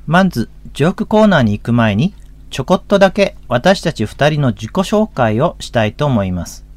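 A man's voice: medium pitch, big pitch swings, normal speed, no echo. A man in his fifties with a Tohoku accent, a pastor hosting a religious radio talk in a folksy, chatty way. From Akita, Japan. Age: 50s.

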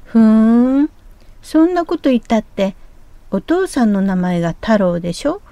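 A woman's voice: on the high side, big pitch swings, a little slow, warm tone, dry recording. A woman voicing a cheerful, curious young boy dragonfly in a storybook reading, with a childlike, eager manner. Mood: teasing.

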